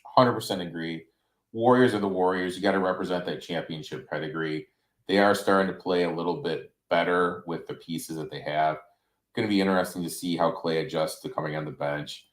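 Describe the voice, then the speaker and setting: A man's voice: low voice, fairly quick, echoey room, rough recording. A man co-hosting a podcast, talking casually and plainly about basketball. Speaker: podcast co-host. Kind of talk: casual sports chat.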